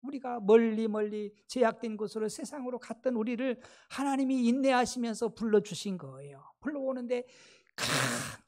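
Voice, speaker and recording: A male pastor preaching a sermon in a church, retelling a story lively and often asking the congregation questions. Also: very high voice. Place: church sanctuary.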